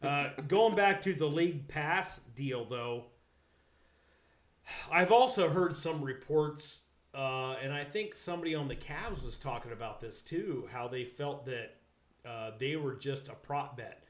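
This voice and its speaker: A man's voice: a little high, a little slow. A man co-hosting a casual sports talk show, rambling, swearing and laughing often. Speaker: podcast co-host. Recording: echoey room.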